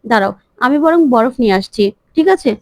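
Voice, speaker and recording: A woman's voice: fairly high pitch, expressive, fast, dry recording. A woman voicing a bossy, scornful elder sister-in-law in a story retelling.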